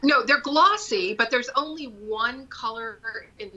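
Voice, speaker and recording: Give me a woman with an extremely bright, sharp-edged voice, chatting as a guest. She explains products in friendly detail and keeps things light. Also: on the high side, measured pace, highs cut off. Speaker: guest, creative director of a nail polish brand. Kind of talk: casual chat about beauty products.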